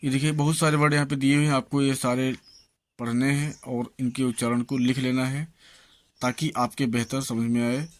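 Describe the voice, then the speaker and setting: A male English teacher reads through pronunciation lists at an unhurried, measured pace. He names each example word on its own before moving to the next. Between the lists he turns to his viewers with steady encouragement to keep practising. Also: medium pitch. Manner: slow, listing words one by one. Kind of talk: reading out a pronunciation lesson.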